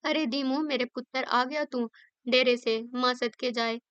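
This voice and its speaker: A woman's voice: high-pitched, steady tone, unhurried, fairly bright tone, smooth, no echo, muffled recording. A woman voicing a fond, coaxing older grandmother. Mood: doting. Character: doting Punjabi grandmother, affectionate aunt.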